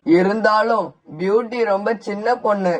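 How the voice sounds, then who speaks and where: A cold father sparrow in a cartoon, voiced by a man, curt and dismissive toward his family. The voice sits high for a man. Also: fairly even intonation, moderate pace, lightly acted. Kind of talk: cartoon voice acting.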